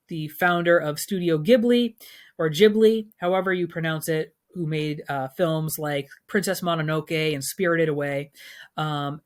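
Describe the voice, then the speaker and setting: A man's voice: fairly high pitch, fairly bright tone. A man talking casually through his film award predictions, chatty and opinionated, with frequent ums and uhs. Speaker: film commentator.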